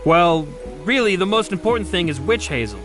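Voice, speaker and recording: Over music, a man with a high, sing-song voice speaks at normal speed, doing cartoon voice acting. He plays a quirky, laid-back forest wizard who rambles offhandedly.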